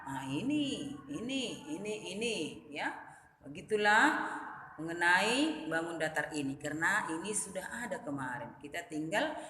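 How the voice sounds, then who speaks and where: Lively woman teacher in echoey room. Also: fairly low pitch, a little hiss or hum. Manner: sing-song teacherly address to children, lively and drawn-out. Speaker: primary school teacher. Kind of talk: recorded online class lesson. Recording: echoey room with long reverb.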